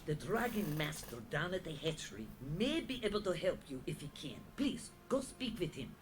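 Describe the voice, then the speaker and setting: A cheerful fire school mentor with a Wisconsin accent. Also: female voice, sing-song, moderate pace. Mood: proud, encouraging. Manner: bright sing-song delivery with big pitch swings. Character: female fire school game character, cheerful. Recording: game audio with loud noise.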